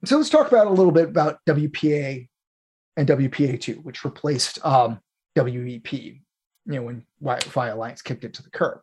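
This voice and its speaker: A man's voice: mid-range voice, animated, normal speed, a little mellow, slightly rough. A man in the role of host, talking through technical material in an informal, explanatory way and thinking aloud as he goes.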